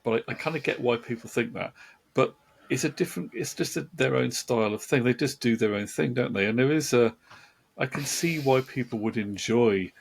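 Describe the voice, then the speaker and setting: A man's voice: mid-range voice, fairly quick, vocal fry, husky. A man co-hosting a casual music podcast, speaking hesitantly and searching for words with many restarts. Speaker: podcast co-host.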